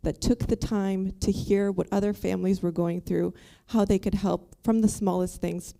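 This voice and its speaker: A woman's voice: medium pitch, fairly even intonation, normal speed, creaky, mellow. A woman in her thirties from Bosnia, a panel guest telling her personal faith story in an earnest, slightly nervous way. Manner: earnest, a bit nervous, with ums. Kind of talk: personal testimony.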